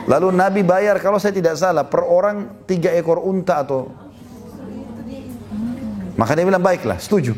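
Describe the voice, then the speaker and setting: A man's voice: high-pitched, moderate pace, long pauses. A male preacher giving a storytelling sermon, acting out the people in his story and chuckling now and then. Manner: lively storyteller who voices quoted speakers, chuckles.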